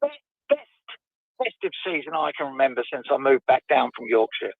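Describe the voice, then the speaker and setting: Calling in to a radio phone-in, a man chats and jokes over a tinny line so muffled he sounds like he's at the bottom of a well. His mid-range voice is lively in intonation and a little fast, with vocal fry and no echo.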